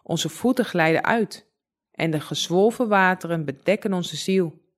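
A woman with a slightly low-pitched voice reads a devotional Bible story aloud. She narrates in a calm, measured way, as scripted storytelling.

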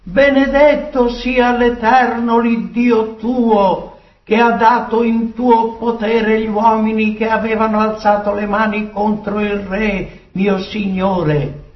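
A man voicing an eager young runner, high-pitched. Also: little pitch movement, slow pace. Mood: breathless. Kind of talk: dramatic scripture reading. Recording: distant echoey dull recording.

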